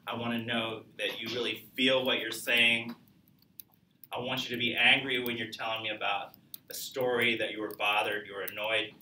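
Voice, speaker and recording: A man's voice: lowish voice, little pitch movement, normal speed, bright, forceful tone, distant mic, slight background noise. A man teaching a public speaking class, lecturing conversationally and asking students questions. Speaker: college speech instructor. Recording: echoey classroom recorded from afar.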